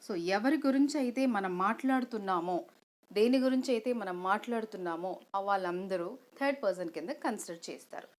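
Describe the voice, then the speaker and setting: A woman's voice: mid-range voice, quick pace. A woman with a Telugu accent teaching an online English grammar lesson, explaining step by step and asking rhetorical questions, switching between Telugu and English.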